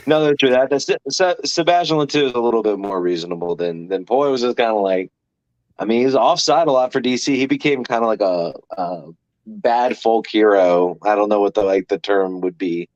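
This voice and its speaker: A man's voice: on the low side, moderate pace, darkish tone, no room sound. A man calling in by phone as a guest, chatting casually and joking with a laugh. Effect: heard over a phone line. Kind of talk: casual chat. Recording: lo-fi phone call.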